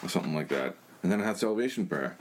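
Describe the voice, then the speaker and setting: Very deep-voiced man telling his story. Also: expressive, racing, noisy background. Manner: blunt, plain-spoken storytelling. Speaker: church member sharing his testimony. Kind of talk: personal testimony in conversation.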